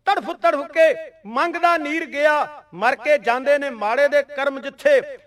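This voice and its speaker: A man's voice: very high voice, a little slow, a bit bright. A man narrating a historical battle as a religious storyteller, in a dramatic, rhythmic recital that breaks into sung verse. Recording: distant mic.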